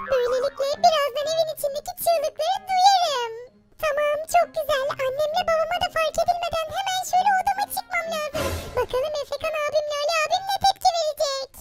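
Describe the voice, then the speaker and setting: Squeaky mischievous little girl. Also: fast. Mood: scheming. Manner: cheeky and scheming. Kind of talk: game role-play skit. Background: children's music.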